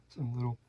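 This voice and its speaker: A man reads magazine slogans aloud at an unhurried pace and tacks on dry, muttered remarks, sometimes dropping to a whisper. His voice is soft and mellow, with a faint hiss behind it. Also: muffled recording. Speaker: channel host. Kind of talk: casual commentary while paging through a magazine.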